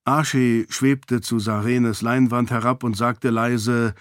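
A man's voice: mid-range voice, level tone, slow, no echo. Man narrating, dry close sound. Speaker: audiobook narrator. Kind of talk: scripted fantasy narration.

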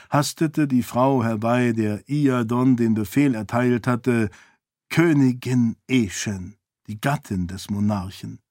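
A man narrates a fantasy audiobook in a measured, even voice of middle pitch. The recording is dry and close, with no room sound. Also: dry recording. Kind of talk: scripted narration.

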